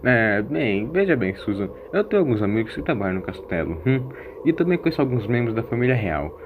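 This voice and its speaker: A man's voice: medium pitch, very animated, brisk, phone-quality sound, close to an everyday voice. A man voicing an elderly, self-assured, evasive grandfather who hems and murmurs, in an audio drama. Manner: hemming, murmurs "hum" between phrases.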